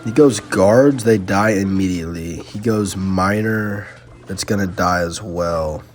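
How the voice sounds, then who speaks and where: A young man giving casual, excitable live commentary on his own gameplay, talking slangily to his viewers. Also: low-pitched, unhurried. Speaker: gaming channel host. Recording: faint music underneath.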